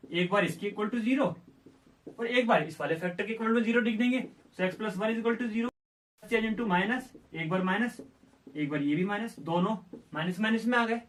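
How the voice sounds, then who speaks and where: High-voiced man teaching maths. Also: distant mic. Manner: asks questions and answers them himself, voices students' doubts. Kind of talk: classroom lesson explaining step by step.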